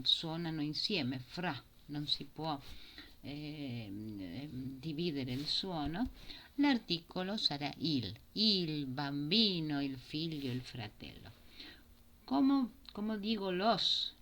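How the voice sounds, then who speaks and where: Woman, unhurried recorded language lesson, low voice. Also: fairly bright tone. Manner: slow, explanatory, mixing Italian and Spanish. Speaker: Italian teacher. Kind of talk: recorded grammar lesson for Spanish speakers.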